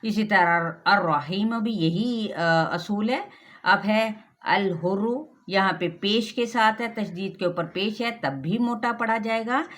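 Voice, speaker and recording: A woman with a Pakistani Urdu accent teaching Quran recitation rules, patiently explaining step by step and drilling each sound slowly. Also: medium pitch, a bit bright. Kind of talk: tajweed lesson with recitation.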